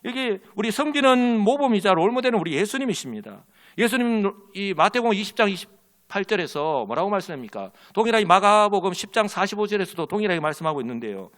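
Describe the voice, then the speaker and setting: Animated pastor preaching with lively pitch. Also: male voice, fast talker. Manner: leads the congregation in call and response; tells an illustrative story with quoted characters. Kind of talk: sermon.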